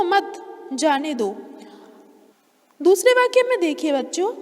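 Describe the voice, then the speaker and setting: A woman teaching a grammar lesson to children, explaining slowly and clearly and stressing her examples. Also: sits high, long reverb tail.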